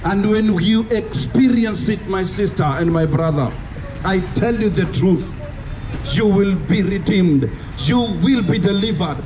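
A young Kenyan man preaching an open-air street sermon with call-and-response rhythm, mixing English and Swahili. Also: high-pitched. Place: outdoors on a dirt street corner in town. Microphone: far camera. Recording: distant outdoor mic with street noise.

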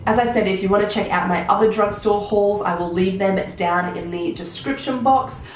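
A young Australian woman with a croaky, sick-sounding voice, chatting excitedly through a makeup haul as a beauty vlogger. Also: medium pitch, moderate pace, echoey room, a little hiss or hum, low-quality recording. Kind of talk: casual makeup haul vlog.

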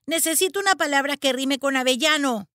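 A woman voicing an eager young boy apprentice wizard in a storybook reading, talking in an excited, bossy, hurried way. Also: high-pitched, no echo, clean studio sound.

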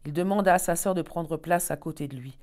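A woman storyteller reading a fairy tale aloud in an expressive, measured way. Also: lowish voice.

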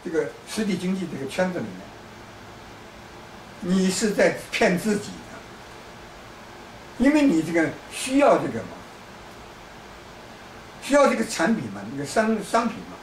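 A man's voice: sits high, wildly swooping pitch, moderate pace, pauses often. A man from China giving a rambling, lecturing political monologue, full of repeated restarts and pointed asides to the listener. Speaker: political commentator. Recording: roomy, distant mic, faint background noise.

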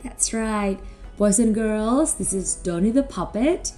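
A middle-aged woman talking to children like a kids show host, animated, with simple questions and drawn-out words. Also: medium pitch, faint music behind. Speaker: children's presenter at a school Christmas service.

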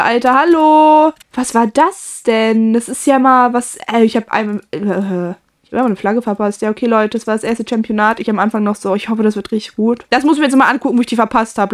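A young woman giving casual gameplay commentary at home on a USB desk mic, excitable and swearing at the game. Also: fairly high pitch, fairly quick. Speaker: gaming YouTuber. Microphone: USB desk microphone.

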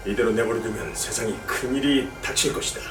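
An actor playing a menacing demon dark lord from a video game, speaking slowly and imperiously. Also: male voice, mid-range voice, close to an everyday voice. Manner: slow, imperious, threatening dark lord delivery. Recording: echoey, distant game audio under loud music.

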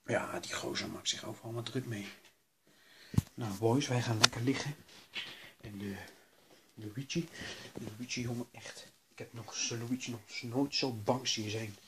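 A man commentates his role-play at a middling pitch. He sounds jumpy, swears a lot and keeps telling himself to stay calm, over a steady layer of background noise. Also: a little slow, long pauses. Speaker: gamer doing a role-play.

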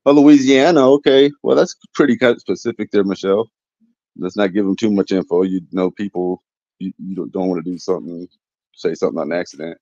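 A man's voice: deep voice, a little fast, dark tone, dry recording. Rambling man on a lo-fi livestream. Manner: rambling, joking, many fillers. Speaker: livestream host. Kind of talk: casual livestream chat. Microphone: phone close to face. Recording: dull lo-fi stream audio.

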